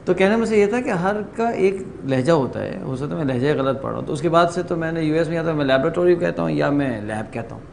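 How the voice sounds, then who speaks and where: A middle-aged man from Pakistan leading a workshop, telling stories in an animated way and slipping into English phrases. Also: fairly high pitch, gravelly, few pauses, slight background noise. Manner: animated storyteller, acts out quoted exchanges, mixes in English. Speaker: workshop trainer. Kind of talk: lively lecture to a class. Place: training room with a group.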